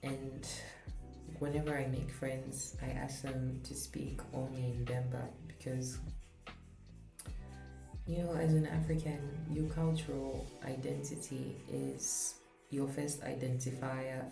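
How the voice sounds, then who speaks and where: Speaking slowly in a flat, creaky, medium-pitched voice, a young Zambian vlogger shares candid, earnest opinions, laughing lightly now and then. Background music plays in an echoey room.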